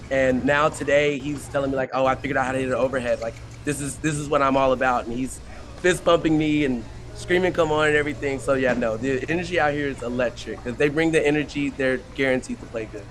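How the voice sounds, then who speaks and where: A young man speaks casually at outdoor tennis courts, a counselor giving loose, filler-heavy answers as he retells what the kids told him. His pitch sits in an ordinary middle range. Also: steady tone, fast talker, a bit bright. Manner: chatty, quotes campers, many fillers.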